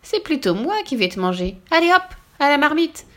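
A woman's voice: mid-range voice, big pitch swings, fairly quick. A woman voicing a cruel, gloating old witch in a storybook reading, with a cackling manner.

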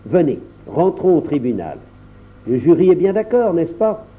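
A wry, quietly knowing man speaks with assurance and a lively pitch, as a male narrator puts him on. The recording is dull and lo-fi. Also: normal speed. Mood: assured.

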